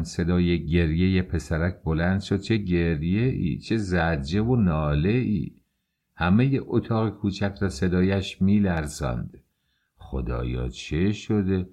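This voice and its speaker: Man reading an audiobook, deep voice, dark tone, slow and steady. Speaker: audiobook narrator. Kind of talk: scripted narration.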